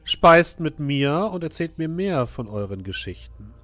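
A man acts out a gracious but menacing fantasy queen in a tabletop game. Every phrase is deliberate, courteous and condescending, with music underneath. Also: fairly high pitch, very animated, a bit bright, voice pushed up. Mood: condescending, commanding. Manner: slow, deliberate, formally courteous. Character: smiling, condescending, menacingly gracious female ruler on a throne.

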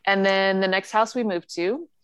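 A chatty woman in her forties from Northern California, talking as an interview guest. She is self-deprecating and laughs often, and her mid-pitched voice sits in a dry, dead space with no room sound. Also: moderate pace, clean tone, no echo. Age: 40s. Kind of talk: casual interview chat. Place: home with the lights off.

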